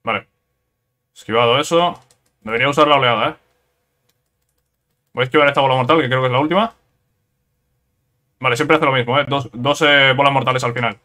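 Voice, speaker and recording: A man from giving casual let's-play commentary on a fighting game, excitable, repeating words in quick bursts and ending phrases with "eh?". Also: mid-range voice. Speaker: gameplay commentator.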